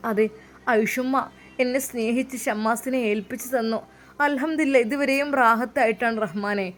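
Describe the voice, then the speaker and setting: A woman's voice: fairly high pitch, steady tone, moderate pace, close to an everyday voice. Anxious young wife praying, read by a woman. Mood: pleading. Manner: pleading, prayerful.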